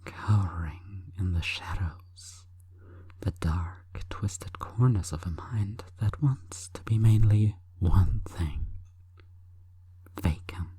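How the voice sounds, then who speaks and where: This is an intimate sleep hypnosis monologue from a woman hypnotist, whispered breathily in a coaxing, deliberate manner. She has a mellow bass voice, captured in a dry recording.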